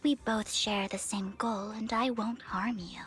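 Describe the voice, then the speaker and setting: A woman voicing a secretive young female informant in a game, talking in a hushed whispered role-play voice. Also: measured pace, faint music behind, natural voice. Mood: whispering, coy. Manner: hushed breathy whisper, with flights of high excitement. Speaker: video game character.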